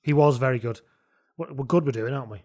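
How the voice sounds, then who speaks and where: A man co-hosting a podcast, chatting casually and telling wry, animated anecdotes. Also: medium pitch, quick pace. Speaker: podcast co-host. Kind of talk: casual sports chat.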